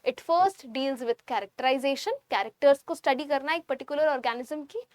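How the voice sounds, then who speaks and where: A high-pitched woman teaches biology in an online exam-prep lecture, spelling terms out slowly and checking in with the class as she writes on screen. There's no room sound.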